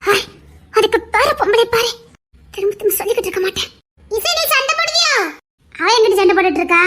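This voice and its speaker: A woman voicing young village women in an animated Tamil love story, talking in a quick, sharp way. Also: very high voice, heavily acted. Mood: angry. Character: young village women, the heroine and her friend.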